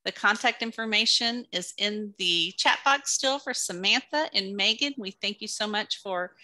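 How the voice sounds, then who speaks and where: Middle-aged woman, event host on a video call, sharp bright delivery. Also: mid-range voice, moderate pace. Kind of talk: presenting an online event. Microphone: headset on a video call.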